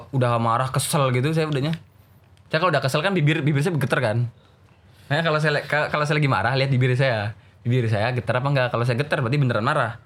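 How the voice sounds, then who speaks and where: Young male teacher, rapid casual storyteller who jumps into character voices. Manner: animated, acts out voices of students in a raised pitch. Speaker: religious school teacher.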